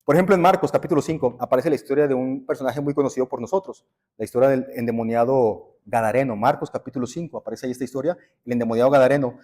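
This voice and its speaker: In a church sanctuary, a male pastor preaches a sermon through conversational storytelling, calling his listeners brothers. His voice is medium-pitched and a little mellow, and he talks at a racing pace.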